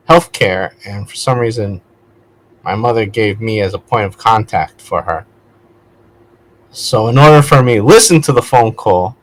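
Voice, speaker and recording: Over poor audio, a man with a medium-pitched voice talks casually as a vlogger and video host. His rambling chat includes tangents and on-the-fly self-corrections.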